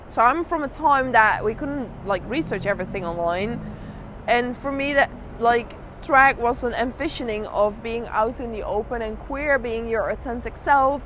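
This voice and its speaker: High-voiced woman in an outdoor interview, street noise. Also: fairly bright tone. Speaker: drag artist being interviewed. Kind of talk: candid interview, reflective personal storytelling. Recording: noisy outdoor urban spot with traffic.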